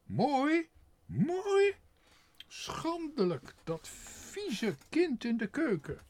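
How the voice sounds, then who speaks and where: A shrill, snobbish lady. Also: wildly swooping pitch, extremely slow, darkish tone, exaggerated voice. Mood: outraged. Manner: scolding, high and piercing. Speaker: employer of the cook. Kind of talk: storybook reading.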